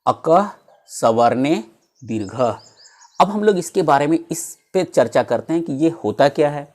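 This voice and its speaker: A man's voice: medium pitch, a little mellow. A male teacher, explaining a grammar lesson step by step and asking his students rhetorical questions.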